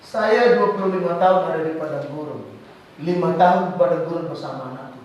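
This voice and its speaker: A middle-aged man from North Sumatra preaching a loud, animated, joking sermon as pastor. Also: on the high side, brisk. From Batak, North Sumatra. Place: large church hall. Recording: echoey church hall from far off.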